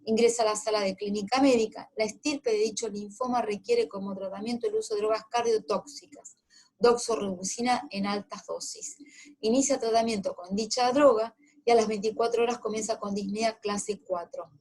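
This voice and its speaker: Woman, medical lecturer, clear explanatory delivery that speaks straight to the students. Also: medium pitch, fairly even intonation, moderate pace, a little mellow. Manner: explanatory, addresses students directly with reminders. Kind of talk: clinical case lecture.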